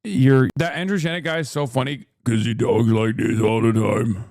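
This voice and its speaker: A man's voice: mid-range voice, fairly even intonation, normal speed, vocal fry, a little mellow, no echo. A man in his thirties hosting a stream, giving rambling, emphatic, profane reaction commentary into a close mic. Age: 30s. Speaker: streamer host.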